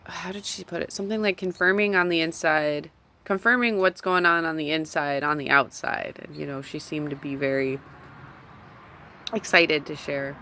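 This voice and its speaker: A woman's voice: low voice, normal speed, sharp tone, slight background noise. A woman telling a story in a casual video journal while smoking in her parked van, rambling with lots of fillers. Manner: rambling, filler-heavy retelling with many "like"s. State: smoking a cigarette while talking. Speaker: vlogger. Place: sitting in a parked van at a gas station.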